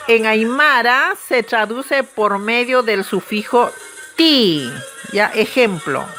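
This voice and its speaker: A woman with a bright, clear voice gives a recorded language lesson. Her pitch sits a little high and moves up and down a lot. She speaks at an unhurried pace, stretching out each practice word, with soft music underneath. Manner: drills Aymara words slowly, checking in with "¿ya?" and "¿no es cierto?". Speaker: Aymara language teacher.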